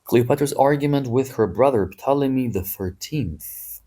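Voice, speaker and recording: A man's voice: medium pitch, moderate pace, warm tone, faint music behind. A man hosting a history podcast, talking in a chatty, digressive way with wry asides. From Greece. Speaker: podcast host. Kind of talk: casual history podcast talk.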